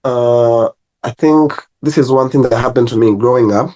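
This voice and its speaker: This young personal trainer from Uganda talks at a moderate pace in a mid-range voice, his Ugandan accent clear. As a laid-back interview guest, he laughs between anecdotes and often starts his sentences over.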